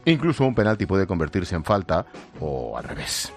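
A man's voice: deep voice, very animated, normal speed, soft background music. A middle-aged man from Spain hosting a radio talk show, teasing his guests with wry remarks.

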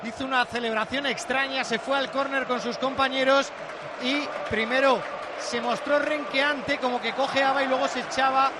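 A man from Spain with a Spanish accent, giving an excited live description of a football match as commentator. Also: extremely high pitch, moderate pace. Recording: very noisy stadium, loud crowd. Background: loud stadium crowd.

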